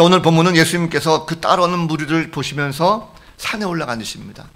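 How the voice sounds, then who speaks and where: A man's voice: a little high, a bit bright. A middle-aged male pastor preaching a sermon in a church, telling humorous stories and acting out the voices of the people in them. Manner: storytelling with jokes, acting out quoted voices. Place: church sanctuary.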